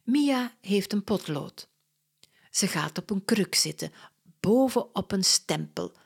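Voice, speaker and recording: A woman reading a children's picture book aloud at a very slow, careful pace. Her pitch rises and falls a great deal, which keeps the reading clear and expressive. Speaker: storyteller.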